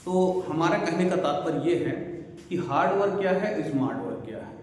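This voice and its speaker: A man's voice: fairly high pitch, lively intonation, a little fast. A male teacher giving fatherly exam advice to students, recorded in an echoey room. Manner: fatherly, addresses students as beta. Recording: echoey room with faint hiss.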